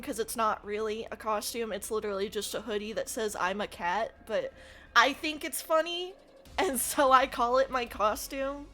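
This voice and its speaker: A woman livestreamer chatting casually with her viewers in a playful, excitable gamer-girl manner. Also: high voice. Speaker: livestreamer, host.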